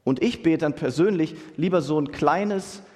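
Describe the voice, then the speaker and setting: Young male preacher with a casual, slangy delivery, slightly high voice, heard in a hall with long reverb. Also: moderate pace, darkish tone. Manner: casual, youthful slang, asks "Ja?" often. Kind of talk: sermon.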